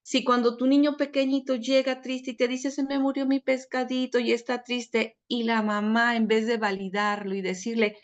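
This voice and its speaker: A woman, co-hosting a book discussion in an expressive teaching tone, often speaking to the listeners directly. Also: a little high, normal speed, few pauses, highs cut off. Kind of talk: casual explanatory talk.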